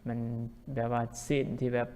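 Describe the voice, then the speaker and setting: A man's voice: moderate pace, a little mellow. A man teaching English vocabulary as a language teacher, who repeats each word several times. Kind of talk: vocabulary lesson. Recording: long hall reverb.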